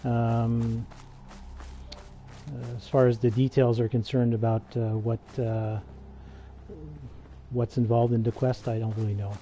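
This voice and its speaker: A man's voice: medium pitch, level tone, a little slow, long pauses, mellow, a little hiss or hum. A man streaming a game, giving casual, hesitant commentary with many fillers and restarts. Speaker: gaming livestreamer.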